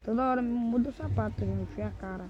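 A man with a Brazilian accent giving excitable, jumpy let's-play commentary to viewers. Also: very high voice, brisk. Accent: Brazilian Portuguese. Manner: excitable, jumpy, talks to viewers while playing. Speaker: gamer. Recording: dull lo-fi recording.

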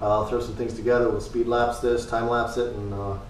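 A man in his thirties casually explaining his woodworking build in a home garage workshop, halting with many ums and uhs. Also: mid-range voice, little pitch movement, a little hiss or hum. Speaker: woodworking vlogger. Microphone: far camera. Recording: echoey garage, voice from far off, music behind.

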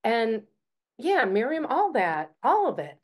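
A woman speaking haltingly with many restarts in a casual book club discussion over a video call. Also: fairly high pitch, wildly swooping pitch.

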